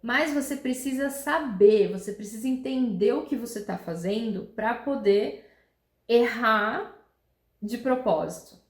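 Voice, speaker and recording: Portuguese-speaking woman teaching English grammar. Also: on the high side. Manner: explains patiently, checks in with "tá?" and "né?"; reads English examples slowly and clearly. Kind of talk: online grammar lesson. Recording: roomy echo.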